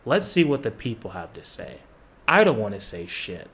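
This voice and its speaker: A man's voice: lowish voice, sing-song, normal speed, a bit bright, slightly rough. A man doing reaction commentary on a basketball video, with sarcastic, profane trash talk.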